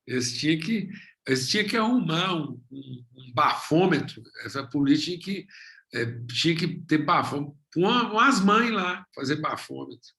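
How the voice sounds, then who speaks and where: A middle-aged pastor with a Brazilian Portuguese accent preaches in a bright, forceful voice. He talks emphatically, building lists of repeated phrases and pausing for effect. His voice sits a little higher than most men's. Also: expressive, gravelly. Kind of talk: sermon.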